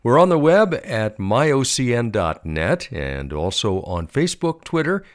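A man announcing a radio broadcast in a smooth, expressive scripted delivery. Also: mid-range voice, a little slow.

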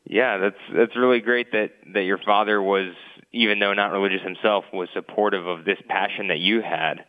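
A man's voice: fairly low pitch, fairly even intonation, moderate pace. Male interviewer, echoey phone-like sound. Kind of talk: radio interview. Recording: phone-like sound with long reverb.

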